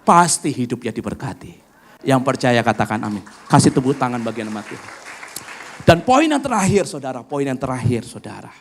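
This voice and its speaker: A middle-aged man preaching a sermon as pastor, lively and acting out family conversations while addressing the congregation directly. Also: medium pitch. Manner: animated preaching, acts out family dialogue, addresses congregation as "saudara".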